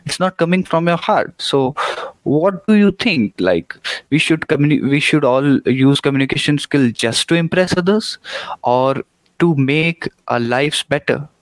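A teenage male host asks his questions earnestly, filling pauses with "you know" and "uh". His voice is dry and close, with no room around it. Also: on the high side, animated, no echo, rough recording. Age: teens. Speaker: podcast host. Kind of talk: casual interview conversation.

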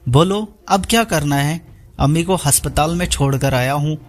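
A man voicing a bitter, desperate young man who speaks harshly and shouts. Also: fairly high pitch, moderate pace, lightly acted. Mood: bitter angry.

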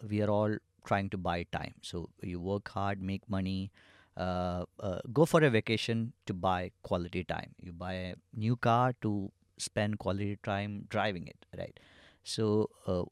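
Lower-pitched Indian man, hesitant casual explainer. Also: no echo, clean studio sound. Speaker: podcast guest.

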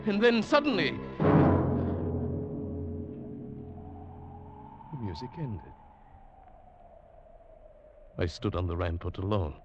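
In the style of a 1940s radio drama, a male actor plays an uneasy traveller narrating an eerie tale in the first person from a script. His low voice starts hushed and swells to agitated, tense and fearful throughout. The lo-fi sound is that of an old radio broadcast with music.

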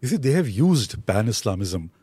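A man with an Indian accent giving analysis as an interview guest, in deliberate, formal phrases. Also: mid-range voice, big pitch swings, mellow, husky, no room sound. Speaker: guest author.

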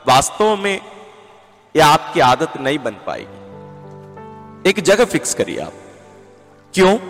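A man's voice: fairly high pitch, a bit bright. A man, a priest, giving an earnest sermon-style talk that counts out its points. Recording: long hall reverb with faint music.

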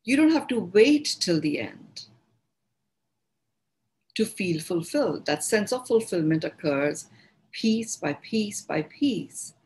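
A woman's voice: medium pitch, very animated, darkish tone, low-quality recording. Woman, Indian accent, podcast host, mid-range voice, reflective teaching tone, restarts words as she thinks. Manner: unhurried, repeats and restarts words while searching for phrasing. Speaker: podcast host and speaker on personal growth.

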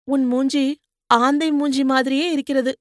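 A woman voicing a spirited, sharp-tongued young boatwoman who answers with mocking retorts, in an audiobook. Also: sits high, flat delivery, normal speed, no room sound, clean studio sound, close to an everyday voice.

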